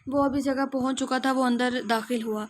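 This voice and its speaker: A woman reading a romance novel aloud as narrator, steady with frequent restarts. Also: high voice, no echo, clean studio sound.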